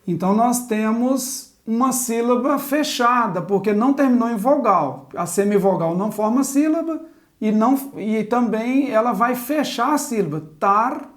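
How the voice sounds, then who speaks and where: A woman's voice: a little high, lively intonation, moderate pace. A woman teaching a Biblical Hebrew grammar lesson at a chalkboard, methodically spelling out letters and vowels one by one. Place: classroom with a chalkboard.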